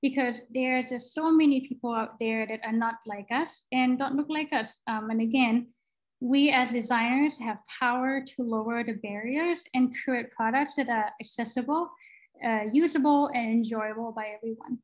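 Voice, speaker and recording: A woman's voice: on the high side, moderate pace, rough recording. A young woman from Thailand, a guest product designer, answering questions casually on a video call, thinking aloud with fillers and restarts. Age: young adult. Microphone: laptop mic on a video call.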